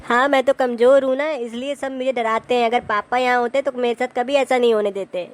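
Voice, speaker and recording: A man's voice: extremely high pitch, fairly even intonation, fairly quick. A man voicing a sulky, whining little boy in a comedy sketch. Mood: whiny. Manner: sulky, whining, easily tearful. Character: whiny little boy, teary younger brother.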